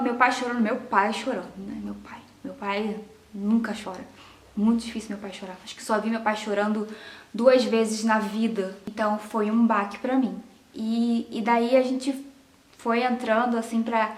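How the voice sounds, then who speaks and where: A young woman from Brazil telling a personal story to her viewers in an animated, emotional way. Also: fairly high pitch. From Rio de Janeiro, Brazil. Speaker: vlogger. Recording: echoey room.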